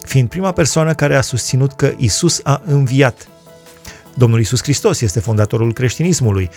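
Gravelly-voiced man reading scripture. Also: mid-range voice, darkish tone. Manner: measured reading with scripture references. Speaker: Bible teacher.

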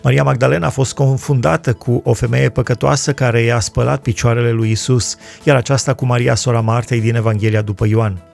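Gravelly-voiced man reading scripture. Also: mid-range voice, darkish tone. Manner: measured reading with scripture references. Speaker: Bible teacher.

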